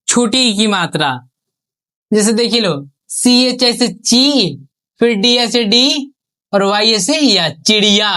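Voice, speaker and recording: A woman teacher giving an online spelling lesson. She asks questions and answers them herself, stretches out each syllable and drops her pitch on each finished word. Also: a bit bright.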